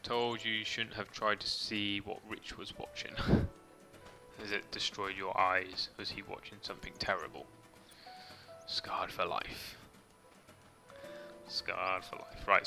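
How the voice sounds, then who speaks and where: A man's voice: lowish voice, bright, forceful tone. A man casually rambling through a game stream, chatting to viewers with mild swearing. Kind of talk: casual gameplay commentary.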